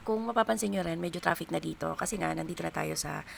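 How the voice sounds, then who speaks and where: A hoarse Filipino woman casually narrating a city tour as a vlogger, pointing out the sights. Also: on the low side, quick pace, a little hiss or hum.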